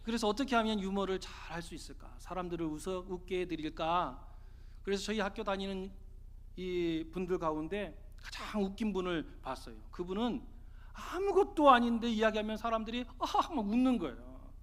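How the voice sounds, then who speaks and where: A male pastor preaching a sermon, telling a story in an animated, playful way. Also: sits high, brisk.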